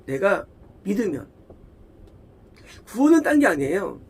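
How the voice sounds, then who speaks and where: Husky, high-voiced Korean pastor preaching. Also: male voice, very animated, a little slow. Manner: emphatic, repeats phrases, asks rhetorical questions. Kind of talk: sermon.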